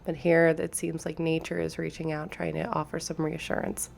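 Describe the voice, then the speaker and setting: A woman's voice: deep voice, completely flat delivery, normal speed, gravelly. A woman narrating a tabletop role-playing game as the game master.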